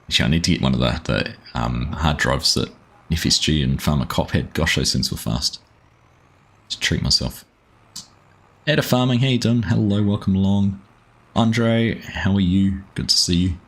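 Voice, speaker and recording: Hosting a relaxed gaming livestream, this New Zealand man has a very deep, husky voice. It's casual live-stream chat while he plays, drifting loosely and unhurriedly between the game and his chat, with plenty of fillers as he greets viewers by name.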